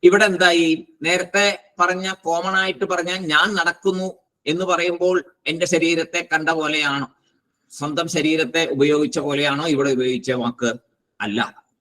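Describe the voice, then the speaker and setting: A man teaching a philosophy class, slow and deliberate, posing rhetorical questions and answering them himself. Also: fairly high pitch, steady tone, pushed and bright, rough recording. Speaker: spiritual teacher. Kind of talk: Vedanta philosophy class lecture.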